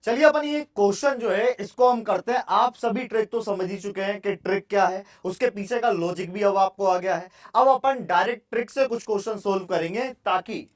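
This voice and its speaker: High-voiced man teaching maths step by step. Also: moderate pace, few pauses, far from the mic. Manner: talks students through sums step by step, asking and answering his own questions. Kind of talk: exam-prep maths lesson.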